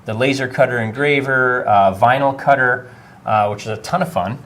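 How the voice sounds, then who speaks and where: A middle-aged man from Vermont, a high school technology teacher, answering interview questions casually with many filler sounds. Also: moderate pace, fairly bright tone. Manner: friendly, many filler uhs.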